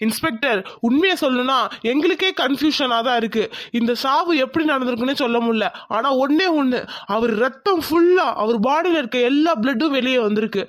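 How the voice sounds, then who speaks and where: Here is a puzzled, uneasy male doctor in an animated mystery. He explains things slowly and anxiously. The voice is high and dry. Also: no room sound. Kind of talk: cartoon voice acting.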